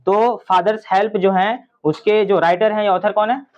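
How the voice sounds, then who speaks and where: A man teaching an English story to a class, reading lines slowly and explaining them with questions to his students. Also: high voice, fairly even intonation, muffled recording.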